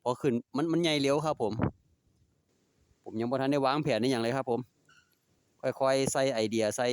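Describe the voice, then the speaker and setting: Recorded with no echo, an easygoing man speaks at medium pitch in an Isan (Northeastern Thai) accent. As a DIY vlogger, he narrates casually during outdoor work in his home yard, chatty and polite, and he talks to his dogs.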